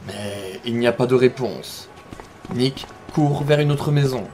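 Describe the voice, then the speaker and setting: A man's voice: mid-range voice, measured pace, over music. A man narrating an audio drama from a script, describing scenes.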